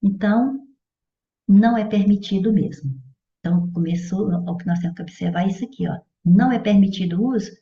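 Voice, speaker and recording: A woman's voice: mid-range voice, fairly quick, mellow. A Brazilian woman teaching a grammar lesson for exam prep. She explains step by step and keeps asking whether her students follow. The recording is dull and muffled, with the echo of a bare room. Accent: Brazilian Portuguese. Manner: didactic, checks in with "certo?" and "olha". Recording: dull echoey room audio.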